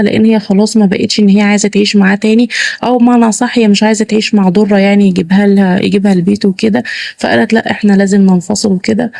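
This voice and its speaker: An Egyptian woman narrates her own story in a plain, conversational way, rushing through it at a very fast pace. Her voice is dark and gravelly, with a fairly flat pitch. The recording is close and dry. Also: dry recording. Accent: Egyptian Arabic. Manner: plain conversational retelling with fillers. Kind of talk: first-person story narration.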